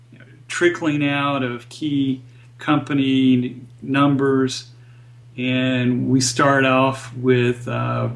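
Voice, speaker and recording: A man interviewed as a guest economist walks through data carefully and deliberately, speaking at a medium pitch.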